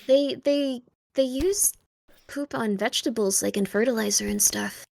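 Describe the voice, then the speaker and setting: A woman's voice: fairly high pitch, a little slow, gravelly, a little mellow, no echo, studio quality. A woman in casual reaction chat on a stream, talking in a teasing, conversational way.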